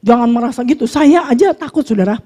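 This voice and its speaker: A woman pastor delivers a conversational sermon in a slightly high, animated, dark-toned voice at a fast clip. She reads scripture and tells everyday stories, preaching casually and repeatedly addressing her listeners directly as brothers and sisters.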